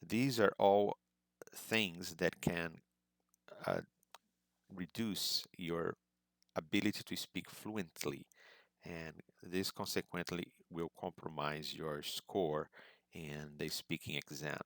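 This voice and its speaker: Man, language teacher, instructional lecture, very low voice, dry close sound. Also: fairly even intonation, no echo. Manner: measured, explanatory, models student speech examples. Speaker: English exam prep teacher.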